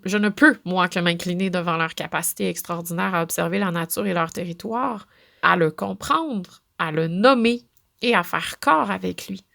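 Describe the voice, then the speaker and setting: A woman with a Québécois French accent hosting a podcast, talking in a chatty, expressive way with many fillers and restarts. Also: mid-range voice, creaky. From Quebec. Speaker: podcast host. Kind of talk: casual spoken monologue.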